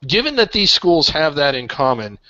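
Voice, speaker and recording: Man, sports roundtable host, rambling, bright tone, dry lo-fi audio. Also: fairly high pitch, sing-song, normal speed, no room sound. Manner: rambling, thinking aloud with restarts.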